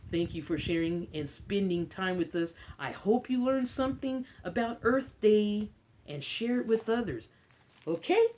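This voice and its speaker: Reading a picture book at a children's story time, a woman stretches her words out expressively and drops in chatty, encouraging comments. Her voice is on the high side, and there's slight background noise.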